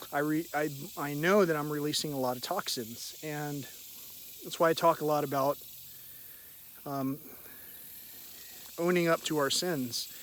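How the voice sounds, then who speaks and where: A man vlogging outdoors in a halting, meandering, reflective way, often clearing his throat. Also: a little high. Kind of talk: rambling, reflective spoken vlog. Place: outdoors in a park by a river. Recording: hissy outdoor recording with insect noise. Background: cicadas, birds, hiss and nearby traffic.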